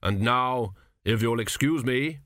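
A man doing Death, slow and grave. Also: mid-range voice, no room sound, clean studio sound. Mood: calm. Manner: slow, measured, flat. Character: Death, calm grave male reaper, matter-of-fact.

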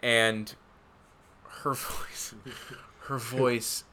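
A man's voice: mid-range voice, extremely slow, slight background noise. A man co-hosting a podcast, chatting casually and teasing his friend with jokes. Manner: joking, animated, teasing. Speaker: podcast co-host. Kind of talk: casual chat.

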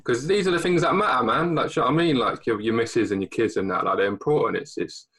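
Brief: young podcast host, mid-pitched, rambling and searching for words. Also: male voice, fast talker, a bit bright, breathy edge, poor audio. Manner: rambling, hesitant, many fillers and restarts. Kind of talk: casual chat.

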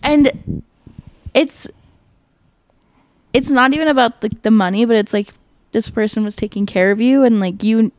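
A woman's voice: a little high, moderate pace, pauses often, a little mellow, no room sound, studio quality. A young woman co-hosting a podcast who gives her opinions casually, saying "like" a lot. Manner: opinionated, filler-heavy with lots of "like". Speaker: podcast co-host. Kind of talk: casual chat.

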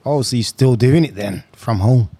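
A man's voice: mid-range voice, moderate pace, warm tone, slightly rough. A man co-hosting, firing casual probing questions in slang, recorded with a noisy background. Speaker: podcast co-host. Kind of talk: casual banter.

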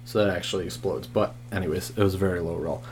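A man's voice: deep voice, fairly even intonation, quick pace, noisy background. A man hosting and narrating a tabletop game as game master.

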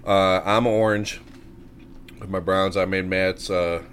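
A man's voice: sits low, fairly even intonation, takes it slowly, a bit bright, a little hiss or hum. A man co-hosting a casual podcast, loose and playful, often addressing listeners as folks. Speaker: podcast co-host. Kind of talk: casual chat.

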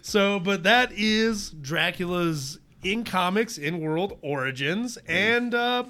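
A young adult man co-hosts a casual podcast, presenting research by reading his notes and then riffing loosely with laughter. His voice sits high and sounds pushed and bright, with lively intonation and a slow pace.

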